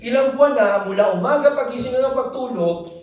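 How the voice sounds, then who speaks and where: A faith talk speaker, a fairly high-voiced man with a Filipino accent, gives a personal testimony to a live audience in a large hall, talking animatedly and a little fast while freely mixing Tagalog and English. He keeps prompting the crowd to respond. Captured by a distant mic, his voice booms through the very echoey room.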